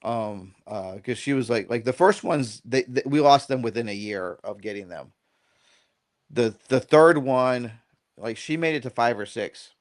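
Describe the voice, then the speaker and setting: A man's voice: mid-range voice, measured pace. Rambling middle-aged man telling stories. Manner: rambling, often checks in with "right?"; animated storyteller who acts out quotes. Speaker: dog trainer guest. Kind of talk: casual podcast conversation.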